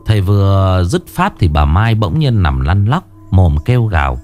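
Guy narrating a ghost story, low voice, really animated delivery. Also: normal speed, soft background music. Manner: expressive, dramatic storytelling.

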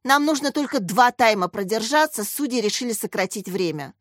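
A woman's voice: a little high, animated, fairly quick, no room sound, clean studio sound. A woman reading boy captain Makar, cheery and rallying. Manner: encouraging, rallying. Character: boy Makar, upbeat young team captain.

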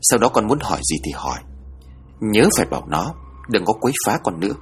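A man's voice: on the low side, sing-song, a little fast, breathy edge, exaggerated voice. A man voicing a stern older female spirit medium who speaks coldly and ominously. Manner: mutters coldly.

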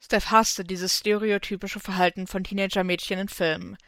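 A woman reading a fan story aloud in steady, even narration, close to the microphone. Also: medium pitch, moderate pace, no echo. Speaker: fanfiction reader.

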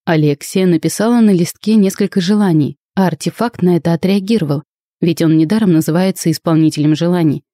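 A woman reading the lines of a shrewd male academy rector who lays things out in a measured, reasoning way. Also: fairly low pitch, mellow, no room sound, clean studio sound, lightly acted. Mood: explaining.

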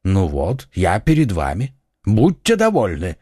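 A man voicing a sardonic, cold middle-aged English lord in an audiobook, with a mocking, measured delivery. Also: deep voice, huge pitch swings, a little mellow, husky, no room sound, studio quality, full character voice. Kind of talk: audiobook reading.

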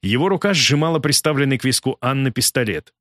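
A man narrating a dramatic audiobook in an expressive, theatrical manner. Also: medium pitch, fast, no room sound, clean studio sound.

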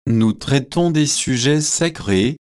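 Preachy young student lecturing his friends, read by a man, slow and self-important, storybook reading. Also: mid-range voice, lively intonation, a little mellow. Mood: solemn. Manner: magisterial, preachy. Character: pompous young male Oxford student, lecturing. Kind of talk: audiobook reading.

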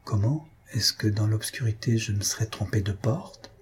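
A man's voice: on the low side, moderate pace, slightly rough. A man doing a puzzled old scholar.

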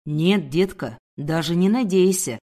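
A woman reading an audiobook performs a menacing male intruder, dropping her voice low. He speaks slowly and with contempt. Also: animated, mellow. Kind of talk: audiobook character voice.

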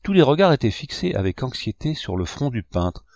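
A man reading a classic novel aloud in a measured storytelling manner. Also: medium pitch, sing-song, a little mellow, no room sound, studio quality. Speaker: audiobook reader. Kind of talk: scripted narration.

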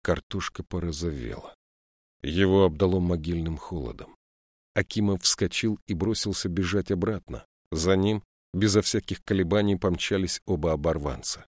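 A male audiobook narrator with a very deep voice, reading in a measured storytelling manner. The sound is close and completely dry, with no room around it. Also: no room sound. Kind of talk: scripted narration.

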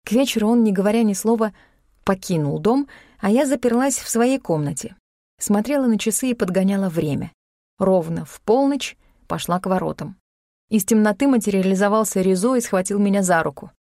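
A woman's voice: mid-range voice, lively intonation, dark tone, no room sound. Woman narrating an audiobook, dry and close. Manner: measured, wry storytelling. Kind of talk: first-person scripted narration.

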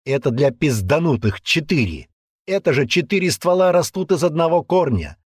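A man voicing a hot-tempered, brutish young man who rants and yells threats in an audiobook. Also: on the high side, very animated, moderate pace, breathy edge, dry recording, clean studio sound, voice pushed up. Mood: ranting. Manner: aggressive ranting, yelling threats. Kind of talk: audiobook character voice.

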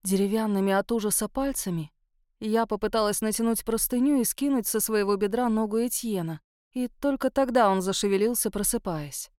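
A woman reading a first-person novel aloud as an expressive audiobook narrator. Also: mid-range voice, fairly quick, dry recording, clean studio sound. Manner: lively, expressive storytelling.

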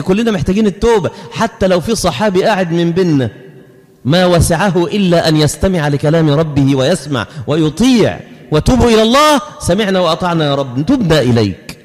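A man with an Egyptian accent preaching a sermon, moving between lively colloquial talk and chanted recitation. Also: high-pitched. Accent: Egyptian Arabic. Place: mosque. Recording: long reverb in a large mosque hall.

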